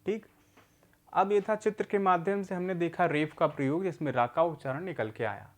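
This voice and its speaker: Patient man teaching a reading lesson. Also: fairly high pitch. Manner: patient, asks questions and answers them himself; repeats words slowly for learners. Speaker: literacy teacher.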